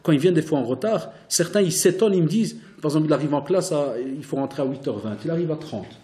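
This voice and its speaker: A man who teaches religion, giving an animated religious lecture full of stories and Arabic religious phrases. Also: on the high side, quick pace. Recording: roomy hall reverb.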